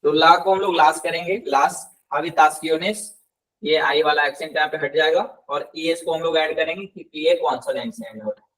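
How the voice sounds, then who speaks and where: A male tutor leads a live class, repeating each word slowly and patiently firing questions at his students. His voice sits a touch high for a man and sounds slightly distant from the microphone. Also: fairly bright tone. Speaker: Spanish tutor. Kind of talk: live class teaching with explanations. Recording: voice somewhat distant from the mic.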